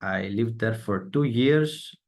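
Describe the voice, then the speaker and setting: A man's voice: lowish voice, takes it slowly, darkish tone. A young man from the Balkans with a Balkan accent, a student ambassador, giving a hesitant testimony over a video call. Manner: hesitant, many fillers, laughs at himself.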